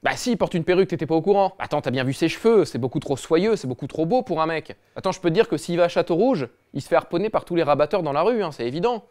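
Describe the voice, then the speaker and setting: A man's voice: fairly high pitch, animated, fast, hardly any pauses, a little mellow. A man hosting a satirical football comedy show, cocky and slangy, swearing often. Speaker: host.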